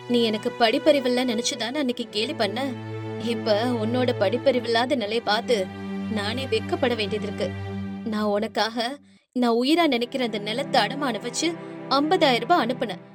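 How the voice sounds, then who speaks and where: A woman's voice: on the high side, normal speed, lightly acted. Woman as an earnest village elder sister. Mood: resolute. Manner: earnest, firm, heartfelt. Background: music.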